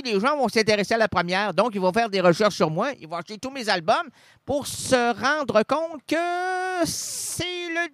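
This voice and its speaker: A man's voice: high-pitched, a bit bright, big-room sound. A man, rambling absurdly through an improvised comedy sketch. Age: 40s. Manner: rambling, absurd, switching between voices.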